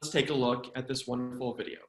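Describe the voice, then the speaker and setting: An American man emcees an online celebration as a comedian, speaking with a medium-pitched voice, flat delivery, and a quick pace in a roomy-sounding space. His comic hosting is jokey and chatty, full of playful asides.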